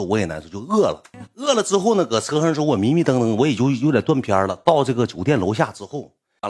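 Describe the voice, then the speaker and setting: Husky Northeastern Chinese man telling stories. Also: medium pitch. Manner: rambling, rough-spoken, swings loud when animated. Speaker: livestream storyteller. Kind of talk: casual storytelling to a live audience.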